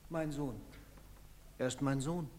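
A man's voice: mid-range voice, slow, darkish tone, in a large hall, close to an everyday voice. An actor playing a grieving father, pleading in anguish and bitterly accusing the townsfolk in an old German radio play.

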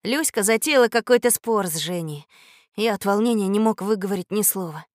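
Female audiobook narrator, expressive storybook reading, dry booth sound. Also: mid-range voice, brisk, dry recording. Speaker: audiobook reader.

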